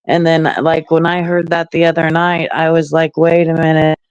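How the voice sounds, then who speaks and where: A man in his forties in a casual group chat, recounting events in a halting way. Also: fairly high pitch, monotone, smooth, dry recording, highs cut off. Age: 40s. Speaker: panel guest.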